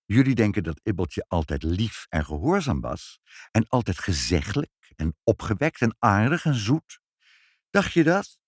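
A man narrating a children's story in a lively, expressive reading. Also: lowish voice, normal speed, no room sound, clean studio sound.

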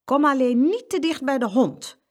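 A woman voicing a kindly old male farmer in a storybook reading, calmly instructing. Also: sits high, moderate pace, pitched above the performer's own voice.

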